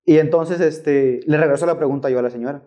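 A young man telling a story on a podcast, slangy and animated, dropping "güey" constantly. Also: a little high, fast talker. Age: young adult. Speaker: rideshare driver guest.

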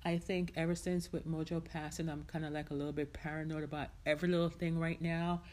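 A woman's voice: sits low, little pitch movement, fast, a little mellow. A middle-aged woman from Jamaica, hosting a podcast in a rambling, heartfelt, casual solo chat. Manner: chatty, rambling, heartfelt, many "you know"s. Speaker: podcast host.

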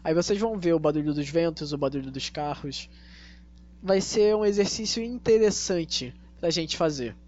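A Brazilian man hosting a casual monologue to his listeners, speaking with a tongue-tied, slushy s and deliberate, repetitive phrasing. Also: fairly high pitch, animated, a little mellow. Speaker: podcast host. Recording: dull lo-fi audio, faint hum.

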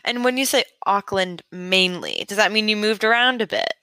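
A woman's voice: medium pitch, normal speed, sharp tone, no echo. A woman hosting an interview, asking eager, rambling questions in a casual chat.

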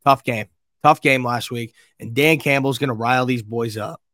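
Hoarse brash man on a dry mic. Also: medium pitch, moderate pace, a bit bright, dry recording. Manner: brash, swears, trash-talks teams. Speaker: podcast co-host. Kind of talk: casual sports chat.

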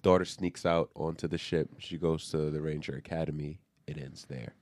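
A young man co-hosting a podcast, recapping a comic in casual chat, animated and swearing, acting out the characters as he goes. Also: very deep voice, moderate pace, no room sound. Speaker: podcast co-host.

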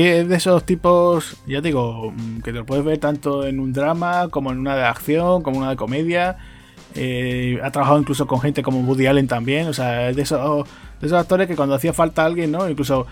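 Slightly high-voiced guy chatting about movies on a podcast, faint music underneath. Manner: chatty, tags phrases with "¿no?". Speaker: podcast co-host. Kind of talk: casual film podcast chat.

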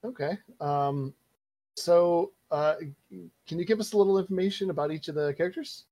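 A man hosting a relaxed conversation, opening his short questions with hesitant fillers. His voice sits a little high with a mellow, dark tone. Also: normal speed. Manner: brief questions, hesitant starts. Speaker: podcast host. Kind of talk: casual interview chat.

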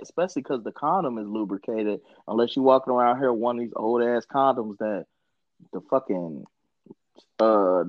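A man hosting a casual, profane chat, loud and mocking, who slips into impressions of other people. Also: mid-range voice, no echo. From born in Syracuse, New York. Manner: animated, loud, mocking, imitates voices. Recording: dry, slightly dull recording.

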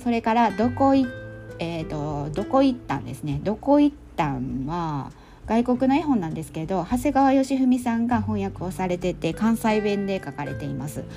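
A middle-aged woman with a Kansai accent chatting casually through a monologue recap, with plenty of fillers and relaxed phrasing. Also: medium pitch, moderate pace, faint music behind. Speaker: storytelling volunteer and podcast host.

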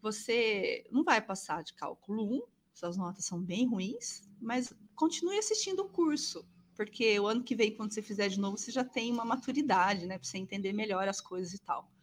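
A woman in her forties with a Brazilian Portuguese accent, a professor telling stories from her student days in a chatty, animated way. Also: mid-range voice, fairly quick, few pauses, a little hiss or hum. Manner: animated, chatty, constant tag questions. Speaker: university professor and guest. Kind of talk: casual storytelling in a conversation.

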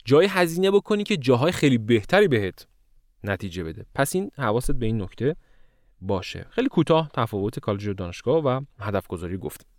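Lively Persian-speaking male IELTS teacher, dry sound. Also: medium pitch, dry recording. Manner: lively, mocking quotes of common misconceptions. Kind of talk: casual video lesson.

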